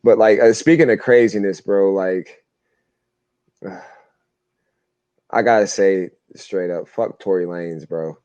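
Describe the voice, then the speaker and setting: A man's voice: low voice, slow, pauses often, dark tone, dry recording, lo-fi sound. A man co-hosting a podcast, talking bluntly in casual chat and swearing freely. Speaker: podcast co-host.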